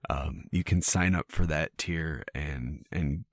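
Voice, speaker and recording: A man's voice: rumbling low, takes it slowly, gravelly, no room sound, clean studio sound. A man co-hosting a podcast in casual chat, teasing his co-host and often repeating words as he restarts.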